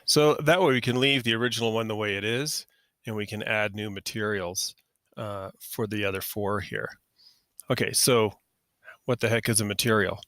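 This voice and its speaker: A man teaching 3D software in a casual, step-by-step screen tutorial, talking through each click and correcting himself as he goes. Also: on the low side, moderate pace, dry recording, studio quality. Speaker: software instructor.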